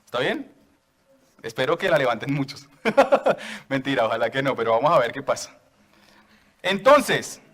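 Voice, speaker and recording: A man's voice: on the high side, fairly bright tone. A man preaching a sermon to a church congregation, joking with them and asking for raised hands.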